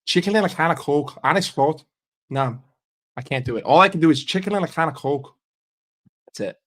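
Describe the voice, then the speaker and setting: Talking fairly quickly in a slightly high voice, this young streamer jokes around with his audience, curses a lot and responds to what chat says in a laid-back livestream.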